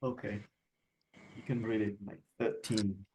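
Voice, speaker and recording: A teacher on a video call, giving soft, brief prompts to a student. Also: mid-range voice, steady tone, unhurried, highs cut off, slight background noise. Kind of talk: online tutoring.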